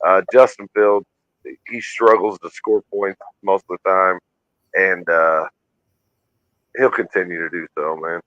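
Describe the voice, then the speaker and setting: A man co-hosting a casual sports podcast, talking haltingly with lots of fillers and some swearing. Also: low-pitched, little pitch movement, a bit bright, dry recording, highs cut off. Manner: hesitant with many fillers, swears. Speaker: podcast co-host.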